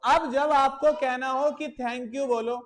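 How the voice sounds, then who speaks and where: This English teacher's voice is high-pitched and fairly even, her pace slow, with noise in the background. She patiently drills a classroom of children on short phrases, repeating them many times and calling each pupil "beta," as she switches between Hindi and English.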